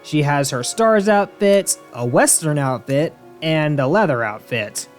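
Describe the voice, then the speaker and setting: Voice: mid-range voice, lively intonation, unhurried, faint music behind. A game player of unclear sex giving casual, joking, sarcastic let's-play commentary with plenty of swearing. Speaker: host playing a video game.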